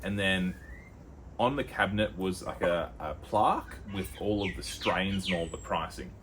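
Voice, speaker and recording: Rambling Australian young man, low voice. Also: normal speed, fairly bright tone, a little hiss or hum. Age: young adult. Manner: rambling storyteller, many fillers, slips into put-on voices. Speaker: podcast co-host. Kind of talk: casual chat.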